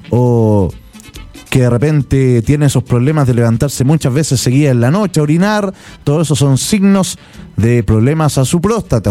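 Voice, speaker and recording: A Chilean man delivers a radio infomercial in a soft, mellow, slightly high voice. He speaks to listeners as dear friends and keeps repeating his persuasive offer. Music plays along behind him. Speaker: radio host selling a product. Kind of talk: infomercial sales pitch.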